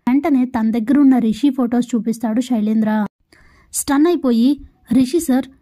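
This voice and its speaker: A woman hosting a channel, casually retelling a TV serial episode in a steady, matter-of-fact way. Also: on the high side, a little fast. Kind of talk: casual story recap.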